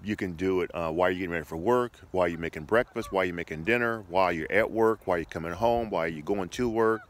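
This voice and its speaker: Low-voiced middle-aged man teaching informally outdoors. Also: fast. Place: outdoors by a shoreline path. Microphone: phone at arm's length. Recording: clear outdoor ambient noise.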